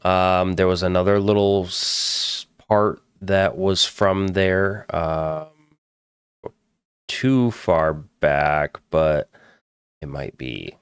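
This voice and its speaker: A man's voice: low voice, very slow, smooth, dry recording. A man hosting a podcast, chatting casually and bluntly about a movie trailer, swearing now and then. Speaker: podcast host reacting to a trailer. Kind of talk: casual trailer reaction commentary.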